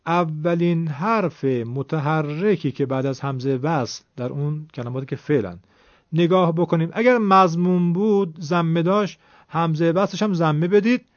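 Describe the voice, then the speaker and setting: In a fairly high-pitched voice, a man walks his students through Quran recitation rules, patiently explaining each step and asking them questions. It sounds like a classroom lesson, captured in a dull, lo-fi recording with no room sound.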